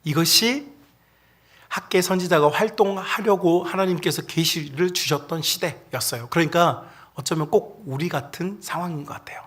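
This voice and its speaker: A male pastor giving a Sunday sermon in an animated, conversational way, asking the congregation questions and calling out to them directly. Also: on the high side, normal speed. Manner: addresses the congregation directly and often.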